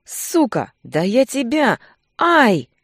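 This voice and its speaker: A woman's voice: mid-range voice, very animated, takes it slowly, no echo, studio quality, voice pushed up. A woman voicing a drunk, aggressive young male street thug in an audiobook, with a taunting, slurred delivery.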